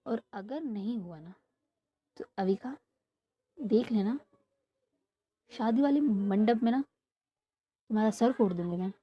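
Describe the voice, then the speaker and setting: A woman's voice: medium pitch, animated, unhurried, pauses often, husky. A woman voicing a playful, bossy young bride who makes mock threats at her girlfriend. She speaks in close to her own voice. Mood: mock-threatening. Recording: dull lo-fi dry sound.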